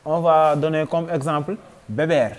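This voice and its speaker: A man's voice: on the high side, normal speed. A man with a Senegalese French accent teaching a grammar lesson, patiently spelling out verb forms one by one.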